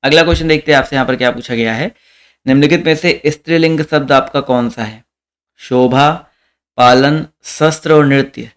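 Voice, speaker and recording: A young man leads a live online exam-prep lesson with a smooth, resonant voice. He reads out each question, repeats it, and calls out the answer to his viewers. His pitch sits at an ordinary middle height. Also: fairly even intonation, normal speed.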